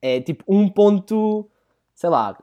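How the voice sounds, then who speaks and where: A man's voice: high voice, lively intonation, muffled recording. A young man with a European Portuguese accent, co-hosting a casual podcast and acting out little scenes as he talks. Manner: rapid, acts out little scenes. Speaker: podcast co-host.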